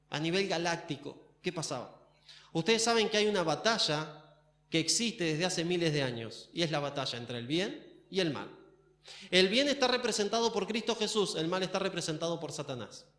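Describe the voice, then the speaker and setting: An Argentine pastor delivers a sermon with a high-pitched man's voice. He keeps questioning his listeners and lands hard on the key words. His voice carries an echo from the church hall around him. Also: fairly bright tone. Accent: Argentine Spanish. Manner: questioning, emphatic.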